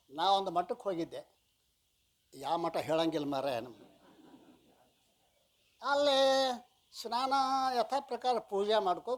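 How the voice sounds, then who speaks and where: Lively swami preaching. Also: male voice, high-pitched. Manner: lively, swings from soft asides to loud emphatic lines. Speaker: swami giving a religious discourse. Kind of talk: storytelling sermon.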